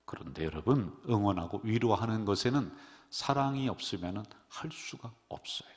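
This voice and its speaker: A middle-aged man preaching as a pastor, animated, leading his congregation in call-and-response. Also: on the low side, normal speed. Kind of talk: sermon. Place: church sanctuary. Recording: long church-hall reverb.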